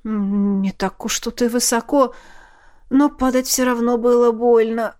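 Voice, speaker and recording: A woman voicing a sharp-tongued young female agent, injured and snapping back in a storybook reading. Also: fairly high pitch, steady tone, a little slow, natural voice. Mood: snappish.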